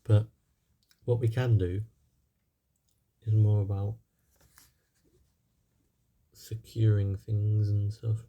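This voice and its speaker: A man's voice: fairly low pitch, little pitch movement, takes it slowly, pauses often, dark tone. A young man, slightly tired, giving casual, rambling commentary over a strategy game with lots of fillers. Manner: rambling, many fillers and hedges. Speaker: gaming channel host.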